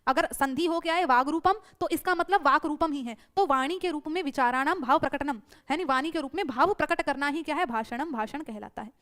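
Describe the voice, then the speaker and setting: A woman's voice: high voice, a little fast, hardly any pauses, fairly bright tone. A woman teacher giving an online exam-prep lecture, drilling students with repeated rhetorical questions.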